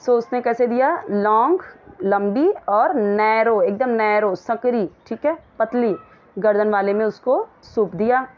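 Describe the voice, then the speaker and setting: A woman English teacher. She reads a story line by line and explains each word in friendly, chatty Hindi, reading the English parts slowly and clearly. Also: fairly high pitch, highs cut off.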